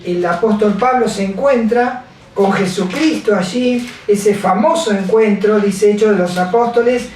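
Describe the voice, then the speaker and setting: A woman delivers a sermon in a halting way. She repeats chapter and verse and leans on fillers. Her voice rings through a very reverberant church hall, picked up from far off. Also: mid-range voice, warm tone, slight background noise. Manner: halting, repeats scripture references, many fillers. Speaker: preacher. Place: large echoey church hall.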